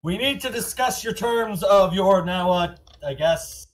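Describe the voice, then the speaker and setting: A man playing a blunt, bossy manor owner in a tabletop game, informal and halting but firm. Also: high voice.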